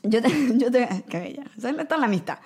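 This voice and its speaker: A woman with a Venezuelan accent, a guest in a casual podcast chat, talking fast and emphatically. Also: on the high side, lively intonation, a little mellow, husky.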